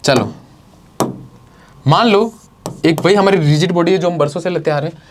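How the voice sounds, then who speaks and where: A man's voice: on the high side, moderate pace, a little hiss or hum. A man, teaching physics in a lecture and working through each step. He asks questions and answers them himself, and he calls his students "bhai sahab" and "beta". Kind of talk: classroom lecture at a board.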